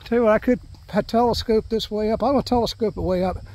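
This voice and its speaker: Rambling high-voiced man on a hike. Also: fast, a little mellow. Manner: rambling, chatty, frequent "you know". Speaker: hiking vlogger. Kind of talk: casual vlog narration while hiking. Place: outdoors on a grassy trail through palm scrub.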